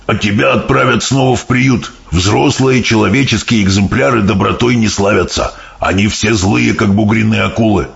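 A man voicing a big, gentle giant who mangles his words into odd coinages, in a storybook reading. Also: fairly low pitch, moderate pace, creaky, hardly any pauses. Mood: grumbling. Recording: dull audiobook sound, faint music.

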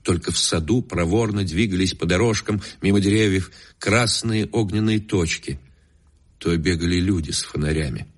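A man narrating a classic story in a measured, expressive reading. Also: low-pitched. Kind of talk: literary audiobook narration.

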